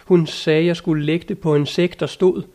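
A down-to-earth squire from a storybook, blunt and folksy, as a male narrator reads him, in a fairly high voice. He answers plainly and matter-of-factly, without any grandeur. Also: steady tone, warm tone, natural voice. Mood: dry. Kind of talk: audiobook character reading.

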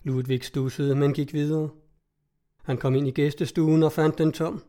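A man reading a story aloud in an even, measured way. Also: fairly high pitch. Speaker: narrator. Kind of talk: audiobook narration.

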